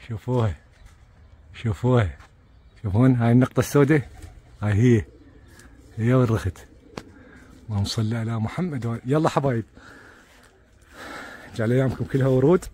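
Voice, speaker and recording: A man with an Iraqi accent giving casual, excitable commentary to viewers as he films his pigeons outdoors, repeating words and dropping religious blessings. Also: mid-range voice, fairly quick, pauses often, a little hiss or hum. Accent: Iraqi Arabic. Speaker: pigeon keeper filming his birds.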